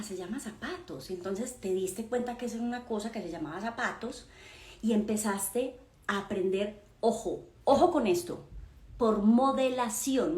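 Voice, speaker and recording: Woman, slightly high voice, gives a warm, emphatic motivational lesson in a roomy, echoing space. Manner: affectionate storytelling with diminutives and pet names; emphatic asides to the listener. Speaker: mother and personal-growth speaker. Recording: roomy echo.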